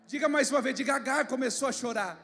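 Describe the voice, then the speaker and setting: A man preaching an evangelical sermon as pastor, surging into shouts and leading his church in call-and-response. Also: very high-pitched, quick pace, gravelly. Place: church sanctuary. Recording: long church reverb with music behind.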